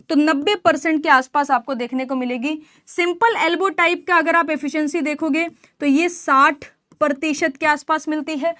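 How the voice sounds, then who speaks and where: A woman's voice: high-pitched, a bit bright, dry recording, studio quality. A woman lecturing on engineering in a classroom style, asking her class questions and answering them herself, with teasing asides to her students. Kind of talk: classroom lecture mixing Hindi and English terms.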